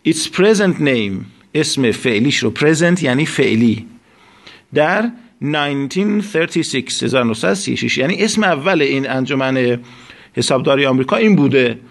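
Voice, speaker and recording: A male teacher who reads English sentences slowly and word by word before explaining them. He uses a measured, patient classroom delivery. His voice sits in an ordinary middle pitch. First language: Persian. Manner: slow, deliberate reading of English phrases, then explains in Persian. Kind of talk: recorded class lesson.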